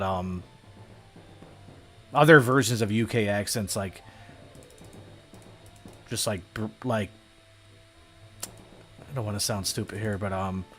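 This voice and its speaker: A man's voice: on the low side, fairly bright tone. A man chatting casually on a livestream while he plays, rambling and hesitant, poking fun at himself. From United States. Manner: rambling, hesitant, self-deprecating. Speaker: streamer.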